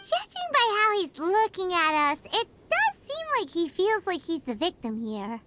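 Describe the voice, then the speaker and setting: A woman voicing a tiny, childlike, excitable fairy companion in a video game, with a squeaky, exclamatory delivery. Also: measured pace, very noisy, heavily acted. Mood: chatty. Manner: refers to herself in third person, exclamatory. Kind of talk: scripted video game voice acting. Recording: game music under the voice.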